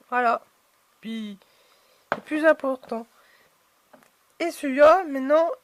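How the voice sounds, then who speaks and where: A woman chatting casually as she unboxes collectible figurines, hesitant and full of fillers. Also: high-pitched.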